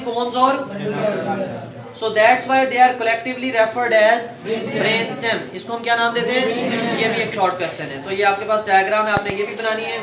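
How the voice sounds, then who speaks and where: A man's voice: very high-pitched, recorded from a distance. Guy lecturing a class, quizzes the kids and answers himself, roomy echo. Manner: asks the students questions and repeats the answers, calls them "beta". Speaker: teacher.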